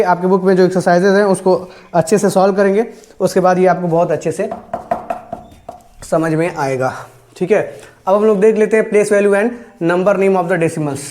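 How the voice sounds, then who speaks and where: A man's voice: sits high, darkish tone. A man teaching a math lesson, asking questions and answering them himself and stressing each number, with English math terms mixed into his Hindi.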